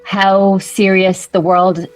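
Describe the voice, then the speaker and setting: A woman from Ireland co-hosting a casual spiritual podcast chat, a calm listener who often murmurs agreement. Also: medium pitch, slow pace, soft background music, rough recording. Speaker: podcast co-host.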